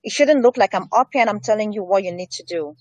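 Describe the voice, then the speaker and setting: Speaking quickly in a mid-range voice, a female health educator gives an earnest, conversational interview on health topics, repeating important phrases to stress them. There's no echo on the recording.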